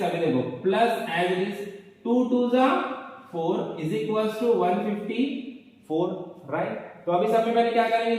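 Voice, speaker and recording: A man with a high voice teaches a maths lesson, coaxing students along by asking questions and then answering them himself. He stands back from the mic in a hard, echoey room, so a long reverb hangs after his words. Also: darkish tone, recorded from a distance. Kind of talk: board lesson explaining step by step.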